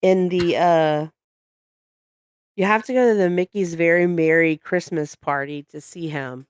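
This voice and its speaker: A woman's voice: on the low side, measured pace, clean tone, no echo, clean studio sound. A woman co-hosting a casual podcast, telling stories with lots of laughter. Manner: animated storyteller, laughs often. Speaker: podcast co-host. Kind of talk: casual chat.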